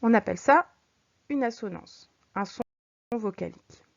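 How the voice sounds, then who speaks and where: A woman teacher explaining figures of speech to her students, patient, reading examples slowly and clearly. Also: a little high, lively intonation. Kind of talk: recorded French lesson. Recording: dull lo-fi recording.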